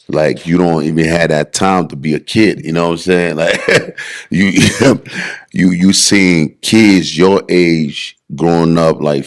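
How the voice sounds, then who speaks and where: A man in his forties with a very low, deep voice. He talks as a podcast guest in a loose, slangy way, full of street phrases. His storytelling is casual and unhurried. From Liberia. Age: 40s. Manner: loose slangy hype talk. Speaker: guest bodybuilder.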